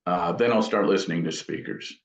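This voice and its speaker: A man with a low, brisk voice appears as a guest in a casual interview, giving loose, meandering explanations about his work as a guitar amp builder. The audio is dull, roomy and echoing.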